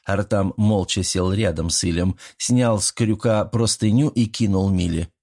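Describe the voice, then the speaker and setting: Steady male audiobook narrator. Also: lowish voice, measured pace, gravelly. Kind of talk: scripted narration.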